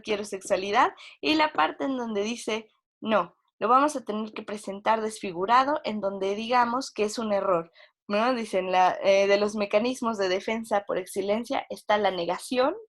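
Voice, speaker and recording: A woman giving a university psychology lecture, explaining with frequent tag questions and acting out quoted inner voices. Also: a little high.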